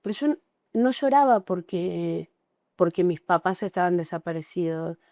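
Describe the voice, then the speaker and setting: A woman's voice: fairly low pitch, animated, no room sound. Argentine lady talking through old memories, starts and stops a lot, dry close sound. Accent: Argentine Spanish. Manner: emotional, halting, with restarts and soft laughs. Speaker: interview guest. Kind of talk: personal testimony in conversation.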